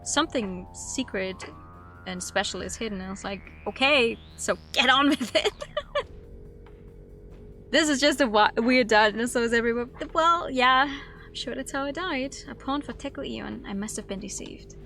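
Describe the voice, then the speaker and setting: Speaking at a normal speed in a voice on the high side, a woman streams a game live, offering casual commentary and reading snippets of text while talking with her viewers. Soft background music and game sounds run beneath her.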